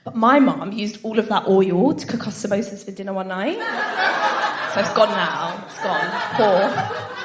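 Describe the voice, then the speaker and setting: A woman's voice: mid-range voice, animated, measured pace. A woman doing live stand-up, chatty with the audience and given to snorting giggles. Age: 20s. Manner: giggles and snorts while laughing; chatty, addresses the audience with frequent tag questions. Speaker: stand-up comedian. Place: stage at a live comedy night. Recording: echoey live venue with background noise.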